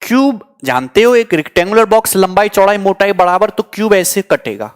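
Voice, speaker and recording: A man's voice: high-pitched, big pitch swings, moderate pace, smooth. A man teaching maths in a live coaching class, joking with students and mixing English terms into his explanations. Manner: teasing, chatty, answers student comments. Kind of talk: online exam coaching lecture.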